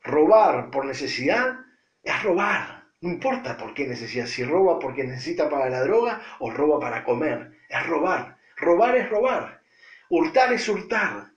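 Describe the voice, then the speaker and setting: A man preaching a sermon with a Rioplatense Spanish accent, repeating phrases for stress and swinging between loud and hushed delivery. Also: fairly high pitch, roomy sound.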